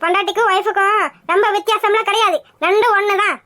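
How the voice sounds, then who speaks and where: A woman's voice: very high voice, fairly even intonation, fast, bright, forceful tone, no room sound, studio quality. A woman voicing a stubborn young woman in a cartoon, scolding and insistent as she pushes away her suitor. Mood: angry. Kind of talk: cartoon voice acting.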